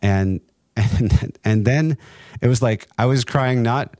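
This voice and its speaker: A middle-aged man telling a personal faith story in an interview, earnest and halting, with many restarts. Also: mid-range voice, a little mellow, no echo, clean studio sound. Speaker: guest, entrepreneur and nonprofit co-founder.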